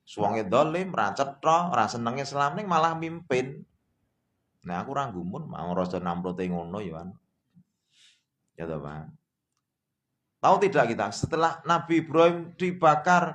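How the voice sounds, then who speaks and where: Javanese-accented man preaching, folksy and lively. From Indonesia. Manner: folksy, addresses the audience as "Pak" constantly, mixes Javanese and Indonesian; lively swings in pitch and loudness, mocking asides. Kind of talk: sermon. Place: mosque.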